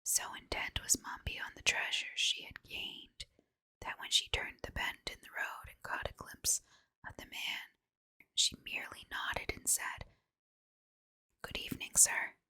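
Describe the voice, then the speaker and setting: A woman's voice: unhurried, sharp tone. A woman reads a children's storybook under her breath in an ASMR style, in an unvoiced whisper.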